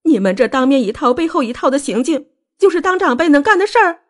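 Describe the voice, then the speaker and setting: A shrill, hysterical young wife in an audiobook drama, as a woman reader puts her on. Her voice jumps far above the narration, loud and piercing, full of tearful accusations and screaming outbursts. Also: big pitch swings, a little fast. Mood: shrill hysteria.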